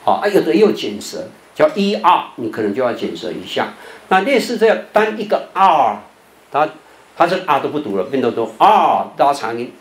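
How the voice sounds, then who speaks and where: Older monk lecturing. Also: male voice, a little high, very animated. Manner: patient explaining, sentence-final "哦" particles, drawn-out demo sounds. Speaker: Buddhist monk teaching English pronunciation. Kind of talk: televised lecture. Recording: roomy echo, faint background noise.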